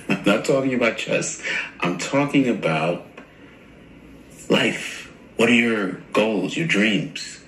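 A gentle therapist who talks in a deep, unhurried voice and probes softly. The clip sounds roomy, with faint music underneath. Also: male voice, slight background noise. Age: older. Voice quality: deep, slow and calm. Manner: measured, softly probing. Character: gentle older male therapist grieving a lost daughter. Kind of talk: scripted drama clip.

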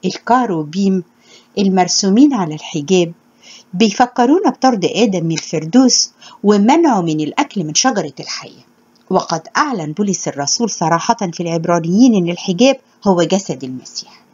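Woman, Egyptian Arabic accent, measured sermon delivery, slightly husky, dull lo-fi recording. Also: fairly low pitch, lively intonation, a little mellow. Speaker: religious teacher. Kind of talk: spoken sermon with scripture reading.

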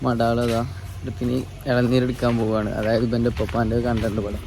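A man's voice: medium pitch, level tone, fairly quick. A man with a Malabar Malayalam accent narrating a casual family vlog, chatting and playfully teasing a small child. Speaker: family vlogger. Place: outdoors, moving between shops and home. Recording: noisy outdoor phone recording.

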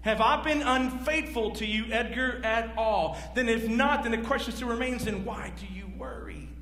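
Animated pastor preaching in an echoey church. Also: male voice, very high voice, normal speed. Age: 40s. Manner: animated, pacing the stage and gesturing; rhetorical questions to the congregation. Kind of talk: sermon. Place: large church stage. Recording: echoey hall, faint hum.

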